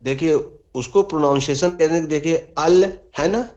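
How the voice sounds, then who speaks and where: A man's voice: a little high, normal speed, a little mellow. A man teaching Arabic grammar, patiently repeating examples and checking that students follow. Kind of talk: classroom explanation. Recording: dull lo-fi audio.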